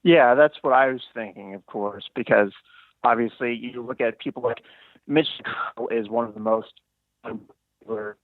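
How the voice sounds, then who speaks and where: A man's voice: medium pitch, normal speed, no echo. A man from Texas calling in by phone to a political talk show, speaking casually, politely and a little hesitantly. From Texas, United States. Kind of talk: casual call-in discussion. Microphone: phone call. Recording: muffled, tinny phone line.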